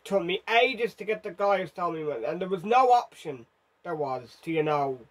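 A man's voice: high voice, expressive, fairly quick. A man giving frantic, self-mocking commentary as he plays a driving game. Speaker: gaming video host. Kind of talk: live gameplay commentary.

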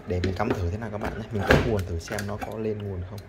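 A lowish, fairly even voice comes through fast and over heavy noise as this man runs a casual demonstration on scrap electronics. Chatty by nature, he speaks to viewers constantly and repeats phrases often.

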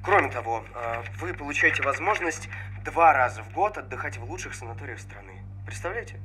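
A man's voice: mid-range voice, lively intonation, a little fast, sharp tone, a little hiss or hum. An actor playing an evasive male swindler who talks his way around old people. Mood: wheedling. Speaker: suspect under interrogation.

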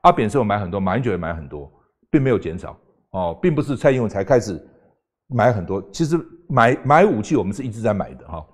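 A man's voice: lowish voice, very animated, quick pace. An older man, a talk show guest arguing emphatically and firing off rhetorical questions. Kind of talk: political talk show debate.

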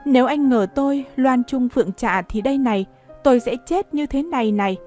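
A woman's voice: sits high, animated, fairly quick, a little mellow, soft background music. A woman voicing a proud, desperate pregnant girl of eighteen in an audiobook, pleading and indignant. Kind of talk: audiobook dialogue reading.

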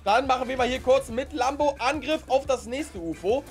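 A young man doing excited gameplay commentary, often exclaiming and shouting as he talks to his viewers. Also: very high voice, moderate pace, soft background music. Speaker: gaming YouTuber.

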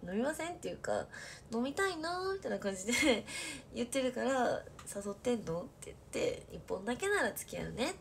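A young woman chats casually on a late-night livestream from her bedroom, her slightly high, gravelly voice brisk and very animated. She's soft-spoken and chatty, laughs often, and frequently drops into whispers, with a little background noise.

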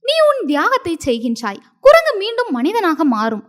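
A woman's voice: very high-pitched, huge pitch swings, normal speed, voice pushed up, exaggerated voice. A woman voicing the mysterious spirit voice of an enchanted pond, speaking solemnly and commandingly in a storybook tale.

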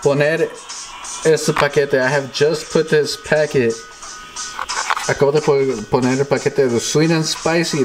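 In his home kitchen, a bilingual cooking vlogger narrates casually, saying each phrase in both English and Spanish. He talks slowly in a slightly high voice, picked up by the camera mic from behind the camera, with music in the background.

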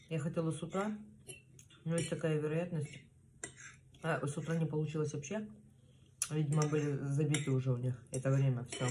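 A woman speaks in an offhand, chatty way to the camera while eating at home. She chews while talking and leaves gaps for bites. Clear background noise and the clatter of cutlery and plates sit behind her voice. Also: low voice. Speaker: mukbang vlogger. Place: small room at home, indoors. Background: cutlery and plates clinking.

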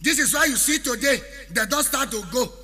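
A man's voice: very high-pitched, lively intonation, fairly quick, sharp tone. A man from Benin City with an Edo Nigerian Pidgin accent, a musician chanting a preachy, proverb-laden spoken monologue that drifts into half-singing. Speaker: highlife musician. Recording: long reverb with backing music.

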